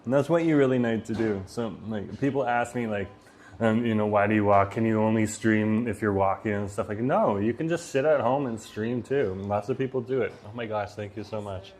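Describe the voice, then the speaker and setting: A brisk male voice, with a little hiss or hum, comes from a phone as he casually live streams from a Vietnamese restaurant. He reads the chat out loud, laughs often, and talks easily, remarking on his loud voice before quieting down.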